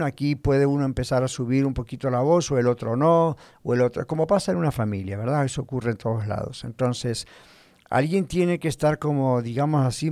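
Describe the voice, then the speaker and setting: A man preaching a sermon in Spanish, teaching slowly and deliberately, asking his listeners rhetorical questions. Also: mid-range voice, darkish tone, no room sound, studio quality. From Spanish-speaking, living in the United States. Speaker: pastor.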